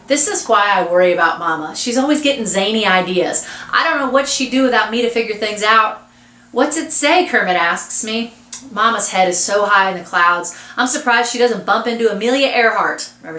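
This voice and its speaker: A woman's voice: mid-range voice, moderate pace, bright, forceful tone. A woman reading a children's novel aloud, adding chatty asides to listeners. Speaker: reader. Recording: roomy echo.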